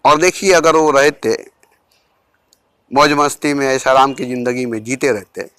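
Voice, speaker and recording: Man giving a bright, measured spiritual talk. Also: mid-range voice, steady tone, clear, resonant tone, no echo. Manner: measured, repeats key phrases for emphasis. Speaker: spiritual teacher.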